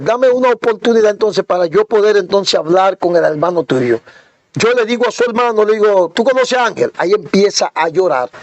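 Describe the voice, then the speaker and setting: High-voiced man preaching a testimony. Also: no echo. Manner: storytelling, repetitive, frequent hesitations. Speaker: apostle preacher. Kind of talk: sermon testimony.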